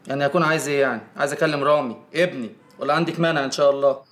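An actor playing a sarcastic, taunting Egyptian ex-husband in a film drama. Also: male voice, on the high side, fairly even intonation, very fast, a bit bright, close to an everyday voice.

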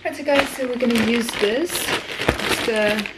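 Vlogging from her kitchen and bathroom, a young woman rambles to the camera as she cooks, filming with a phone held at arm's length. Her voice is on the high side and a little slow, and there's background noise.

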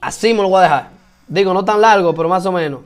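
Talking fast in a high-sitting voice, a Dominican-accented man runs a relaxed home live stream aimed at musicians. He welcomes viewers, replies to their comments, stays chatty and encouraging, and says things more than once to drive them home.

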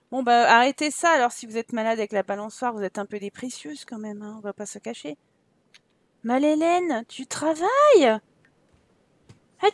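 Chatty high-voiced woman gaming. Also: a bit bright, dry recording. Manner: chatty, teasing, exclaims at the game. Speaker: gaming let's-play host. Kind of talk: casual game commentary.

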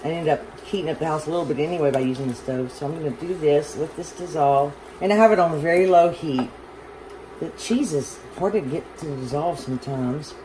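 A woman's voice: low-pitched, brisk. Chatty Southern woman cooking at home. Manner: chatty, rambling, self-deprecating. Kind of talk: casual cooking demonstration. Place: home kitchen, overhead camera on the stove. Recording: noisy kitchen with a loud fan.

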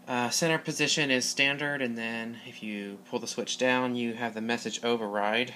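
A man with a bright, forward voice walks through a casual product demo. He explains things haltingly and informally into a handheld camera mic, with faint noise in the room. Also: mid-range voice, fairly even intonation. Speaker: hobbyist video host. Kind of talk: casual product demonstration vlog. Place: small carpeted room indoors. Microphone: handheld phone or camera mic.

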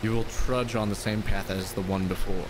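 A man voicing a solemn, menacing cult follower from a video game, preaching somewhat haltingly. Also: on the low side, fairly even intonation, noisy background, natural voice. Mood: ominous. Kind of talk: video game dialogue read aloud.

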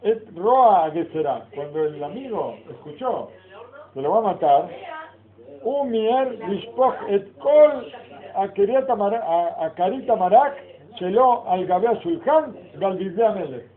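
A man's voice: sits high, animated, a little slow. A man, a rabbi teaching a Torah lesson. He reads Hebrew passages aloud, then explains them in with rhetorical questions. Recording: phone-like lo-fi recording of a class with people around.

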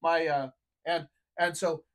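A man's voice: on the high side, flat delivery, slow pace. A man in his thirties co-hosting a casual chat show, talking in a chatty, rambling way full of restarts. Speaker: co-host. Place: room full of hanging jerseys.

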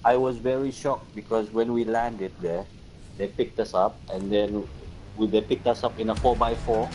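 Low-voiced man chatting on a stream. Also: fairly even intonation, darkish tone, slight background noise, poor audio. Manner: halting, restarts, simple English. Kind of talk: casual gaming stream chat.

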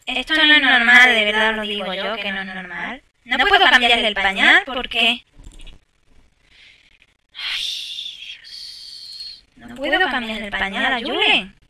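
A woman's voice: a little high, animated, unhurried, pauses often, sharp tone, distant mic. A woman giving casual gameplay commentary, chatting to viewers with exasperated asides. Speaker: gameplay streamer.

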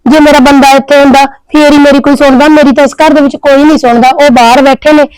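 A woman's voice: high voice, level tone, quick pace, darkish tone, dry recording, close to an everyday voice, low-quality recording. Woman playing a whiny young daughter-in-law. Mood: pleading. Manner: whiny, pleading. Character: young daughter-in-law, sulky and self-pitying. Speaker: actor in a family skit. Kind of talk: scripted domestic skit acting.

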